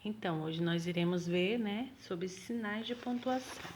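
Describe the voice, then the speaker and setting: A woman's voice: medium pitch, heavy background noise. Patient woman teaching children. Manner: slow, patient explaining with frequent "tá bom?" checks. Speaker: primary school teacher. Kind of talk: recorded remote lesson for children.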